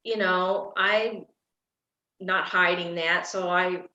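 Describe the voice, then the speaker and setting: This candidate for office, interviewed in an echoey, dull lo-fi recording, speaks slowly in a lowish, steady voice. She's talkative and casual, laughs often, and says herself that she has a loud voice.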